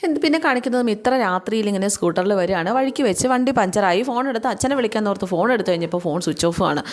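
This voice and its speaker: A woman casually recapping a TV serial episode, with drawn-out fillers and quick bits of acted-out dialogue. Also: medium pitch, animated. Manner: chatty retelling, frequent drawn-out fillers, acts out quoted lines. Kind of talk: casual spoken story recap.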